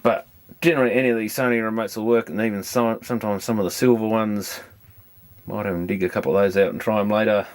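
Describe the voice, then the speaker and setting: Fairly low in pitch and quick in pace, his voice keeps a fairly even intonation. The man, an electronics repairer presenting a video, works through the electronics while thinking out loud in a casual, wandering, matter-of-fact way.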